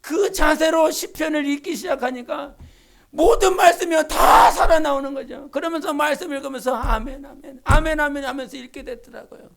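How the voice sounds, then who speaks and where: A woman pastor preaching a Sunday sermon in a church, swinging from hushed asides to fervent, shouted pleas. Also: high-pitched, normal speed, vocal fry. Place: church sanctuary.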